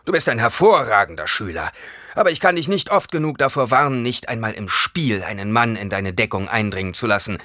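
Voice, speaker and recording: A man voicing a stern, gruff male weapons master who scolds in a raised, forceful voice for a storybook reading. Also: lowish voice, lively intonation, brisk, dry recording, studio quality. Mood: stern, scolding.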